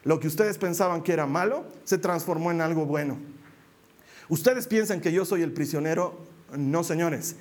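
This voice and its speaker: A man's voice: on the high side, normal speed, a little mellow, pitched below the performer's own voice, lightly acted. A man playing a bold, joyful apostle Paul in chains. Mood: confident. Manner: exuberant, rhetorical, speaking in first person as the prisoner. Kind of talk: sermon role-play.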